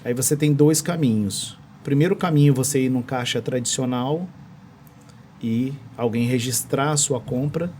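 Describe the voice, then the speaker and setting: A man's voice: medium pitch, moderate pace, warm tone, slight background noise. A man with a Brazilian accent explaining technology as a podcast guest in a studio, restarting phrases as he searches for words. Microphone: studio microphone.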